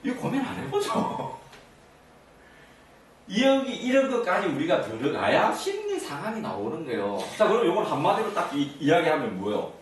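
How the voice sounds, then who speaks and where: Man, lecturer, quizzes audience, animated pitch, echoey room, distant mic. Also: a little fast, hardly any pauses. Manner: keeps quizzing the audience with either-or questions. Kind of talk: interactive lecture to a seated audience.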